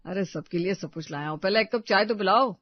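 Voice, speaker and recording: A breezy young husband from an animated story, voiced by a man, casual and reassuring, mixing in English phrases. His voice sits high for a man. The recording is dry and a bit dull. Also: brisk, no room sound, lightly acted. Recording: dry, slightly dull lo-fi audio.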